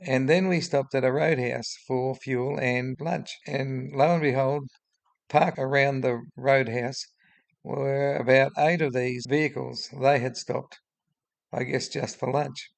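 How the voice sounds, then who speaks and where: A man's voice: mid-range voice, fairly even intonation, measured pace. A man in his seventies with a broad Australian accent and a droning voice, giving blunt, opinionated spoken commentary as a video host. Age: 70s. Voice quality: droning, gravelly.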